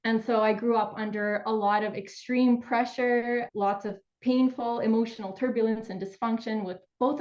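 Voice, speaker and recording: A woman's voice: mid-range voice, darkish tone, highs cut off. A woman from Ukraine, a somatic therapist and coach, telling her story openly as a guest on a call-in interview. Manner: candid, open storytelling.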